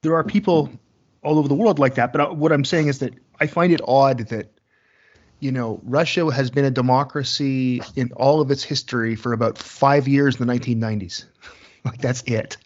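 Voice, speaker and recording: Man, interview host, casual, agreeable, average pitch, muffled lo-fi audio. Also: steady tone, normal speed. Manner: casual, with frequent short agreements. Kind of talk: conversational interview.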